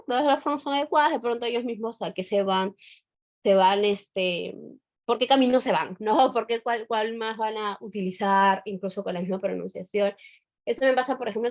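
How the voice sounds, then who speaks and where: A woman English teacher, giving a conversational online training talk full of fillers and tag questions. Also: medium pitch.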